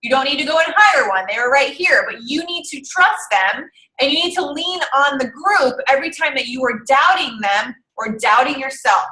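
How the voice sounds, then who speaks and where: Young female fitness coach, high bright voice, casual encouraging talk, roomy echo. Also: animated, moderate pace. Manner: chatty, encouraging, thinking aloud through calculations. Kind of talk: casual online group coaching.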